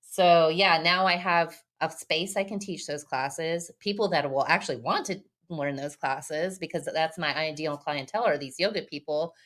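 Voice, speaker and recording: A woman's voice: low voice, moderate pace, hardly any pauses, fairly bright tone. A woman in her forties, a massage business owner, chatting as a podcast guest, telling stories, laughing often and acting out her own quotes. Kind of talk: casual conversational interview.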